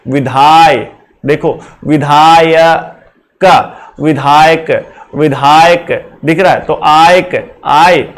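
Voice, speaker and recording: Slow-spoken male teacher quizzing his class. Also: on the high side. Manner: explains step by step with constant rhetorical questions to students. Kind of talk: classroom lecture.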